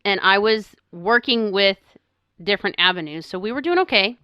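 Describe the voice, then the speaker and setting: A middle-aged woman co-hosting a podcast, telling a story in an animated way and quoting herself as she goes. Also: mid-range voice, normal speed, clear, resonant tone, no echo, muffled recording. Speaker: podcast co-host. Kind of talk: casual chat.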